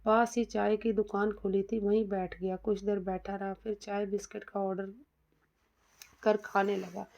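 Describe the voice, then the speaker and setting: A woman narrating a scripted story in a steady, plain manner, in a dull lo-fi recording. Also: medium pitch, a little slow, gravelly.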